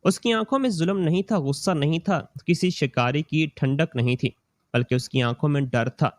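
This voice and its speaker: A man reading a scripted moral story in the first person, slow and steady. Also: a little high, no echo.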